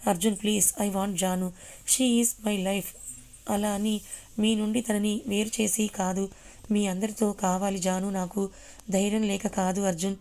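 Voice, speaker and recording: A woman's voice: medium pitch, flat delivery, a little slow, mellow, natural voice. A woman voicing a young man in love who pleads earnestly in a storybook reading. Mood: pleading.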